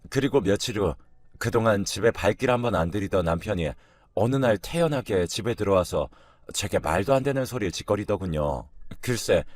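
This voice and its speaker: A man with a fairly low voice reads a first-person story aloud in a calm, measured way. The recording is dry and close, with no room sound. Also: no echo. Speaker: narrator. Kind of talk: storytelling narration.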